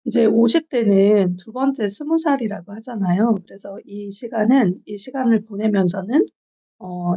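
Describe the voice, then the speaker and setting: A woman in her forties giving a measured, reflective book review from her notes, pausing often on filler sounds. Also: medium pitch, warm tone, slightly rough. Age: 40s. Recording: dull lo-fi recording.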